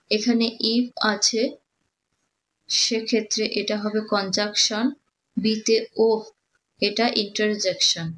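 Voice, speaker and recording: A woman teacher going through exam answers, reading English questions slowly and explaining them in Bengali. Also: mid-range voice, a little hiss or hum, low-quality recording.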